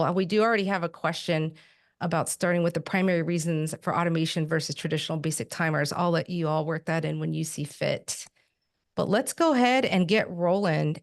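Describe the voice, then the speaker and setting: A woman's voice: on the low side, brisk. A woman hosting a business webinar, upbeat and playful, joking with her guests. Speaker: webinar host.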